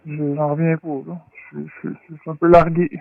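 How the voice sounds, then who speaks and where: A man speaks through an electronic voice disguise that pushes his pitch up, and he stammers defensively as a radio caller. The sound comes over a thin, dry phone line. It is clipped and tinny, with no room around it. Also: little pitch movement, brisk, vocal fry, no echo. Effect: electronically disguised voice, pitch-shifted.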